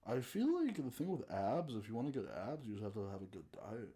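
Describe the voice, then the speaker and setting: A man's voice: mid-range voice, very animated, quick pace, mellow. A young man as a podcast guest, easygoing and chatty, saying "like" and "dude" a lot. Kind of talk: casual chat.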